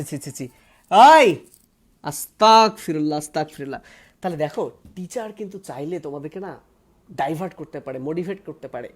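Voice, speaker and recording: A woman biology teacher, giving a live online lesson in a lively, teasing way and mixing in English words. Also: fairly low pitch.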